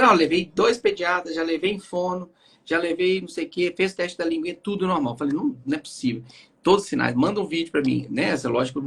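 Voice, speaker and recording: Fast-talking husky Brazilian man. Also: a little high. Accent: Brazilian Portuguese. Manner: lively storyteller, acts out mothers' lines. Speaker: pediatrician guest. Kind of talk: casual live chat. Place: his home.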